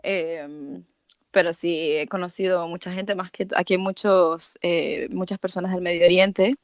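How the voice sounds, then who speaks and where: A woman from Venezuela with a Latin American accent talks as a podcast guest. She speaks at a mid pitch, warm and hesitant, often pausing on fillers. The sound is close and dry. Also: steady tone, no room sound. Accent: Latin American Spanish. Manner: warm, hesitant, many fillers and soft laughs. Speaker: podcast guest, chemical engineer. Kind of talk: casual interview chat.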